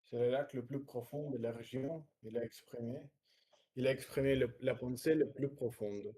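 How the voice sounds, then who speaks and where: A man with a Russian accent in French, practising example sentences in a halting, repetitive way. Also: medium pitch, steady tone, dark tone, breathy edge. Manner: halting, restarts and repeats phrases. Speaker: French learner practising with a partner.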